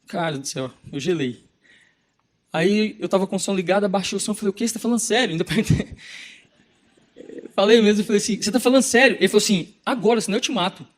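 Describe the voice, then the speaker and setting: High-voiced Brazilian pastor, fast and lively. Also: male voice. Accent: Brazilian Portuguese. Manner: animated storytelling, acts out quoted dialogue. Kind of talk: sermon with personal story.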